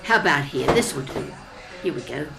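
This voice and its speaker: A woman's voice: deep voice, expressive, a little fast, vocal fry, over music, poor audio. An older woman playing a chatty, inquisitive café customer in an audio drama, asking questions in a friendly way. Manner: chatty, warm-hearted, inquisitive. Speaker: narrator and lead character.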